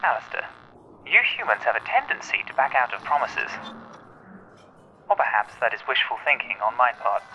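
A man voicing a calm, formal android sniper who speaks in stiff, measured phrases during a tabletop role-play. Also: medium pitch, dull audio, slight background noise, lightly acted. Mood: deadpan.

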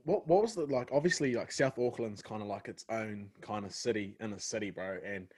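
A man's voice: lowish voice, fairly quick, a little mellow, breathy edge. A man hosting a podcast, chatting in an upbeat, slangy way and hyping up his guest. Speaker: podcast host. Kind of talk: casual chat.

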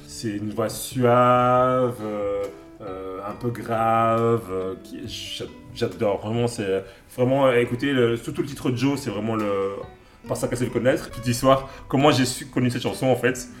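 A Belgian man co-hosts a casual podcast chat, enthusiastically recommending songs and films while rambling through lots of fillers and restarts. His medium-pitched voice moves at a measured pace, sounding reverberant with faint music behind.

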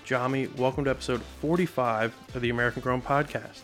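A man's voice: medium pitch, steady tone, quick pace, fairly bright tone, faint music behind. Casting note: thirties male host, mid-range voice, friendly and affirming, studio interview. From Lebanon, Pennsylvania. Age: 30s. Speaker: podcast host. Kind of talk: interview hosting. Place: podcast studio.

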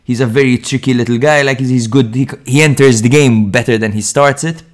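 A young man talking football on a podcast in a loose, animated way. He speaks frankly and lets a swear word slip now and then. His voice sits at an ordinary middle pitch for a man. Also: fairly quick. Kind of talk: casual football analysis chat.

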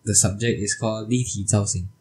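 Slightly husky, low-voiced young Malaysian Chinese man. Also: fairly even intonation, fairly quick, darkish tone. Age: young adult. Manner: colloquial, mixes Mandarin into English, sentence-ending particles. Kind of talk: casual chat.

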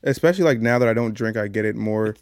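A mid-pitched man on a podcast, talking quickly and reflectively as he works through his thoughts. The sound is dry and close, with no room around him. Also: dry recording. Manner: reflective, talks things through. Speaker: podcast co-host. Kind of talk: casual chat.

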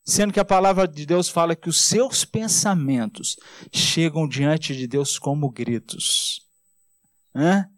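A Brazilian pastor with a Brazilian Portuguese accent preaches a sermon conversationally, packed with rhetorical tag questions. On key words he slows down and drops low, then rises fast. There is no echo.

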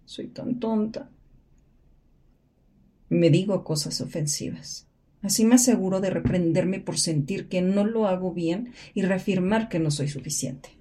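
A woman's voice: on the low side, moderate pace, lightly acted. A woman voicing the murmured inner monologue of a drowsy, self-blaming young woman caught in depression. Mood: anxious, self-reproaching. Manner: soft, murmured, sleepy delivery.

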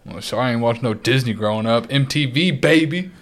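A man's voice: medium pitch, fairly quick. A man in his twenties co-hosting a podcast, trading joking, profane, slang-heavy banter with a friend. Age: 20s. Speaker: podcast co-host. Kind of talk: casual chat.

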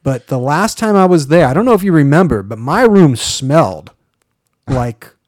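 A man's voice: a little high, big pitch swings, moderate pace, dry recording, studio quality. A man co-hosting a podcast, rambling in casual chat and trailing off with "blah, blah.". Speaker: podcast co-host.

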